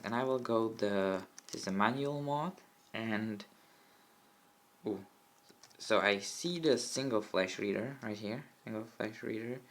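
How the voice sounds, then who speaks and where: In casual tutorial commentary, a young Czech tech hobbyist with a voice on the low side talks through a computer install, his first-language Czech accent audible. He rambles, often corrects himself, and mutters asides to the camera while at a desk by a window. The sound is lo-fi from an old smartphone camera mic, with faint room noise.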